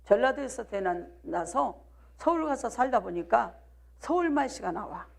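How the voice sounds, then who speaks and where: A woman's voice: on the high side, animated, unhurried, vocal fry, darkish tone. A woman pastor from South Jeolla with a Jeolla accent, preaching a live midweek sermon and pressing the congregation with rhetorical questions and calls of "do you believe?". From South Jeolla, Korea.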